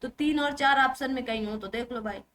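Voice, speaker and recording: A young woman teacher running an exam-prep grammar lesson, briskly drilling and repeating words and asking rhetorical questions. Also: fairly high pitch, fairly bright tone, slight background noise.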